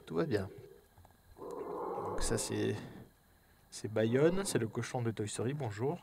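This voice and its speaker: Un homme à l'français qui commente en direct un jeu d'horreur, entre chuchotements tendus, cris et blagues. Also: male voice, mid-range voice, expressive, slow, creaky, background noise. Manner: jokey, jumpy, swings from whispers to yelps. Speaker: let's play host. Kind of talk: horror game let's play commentary.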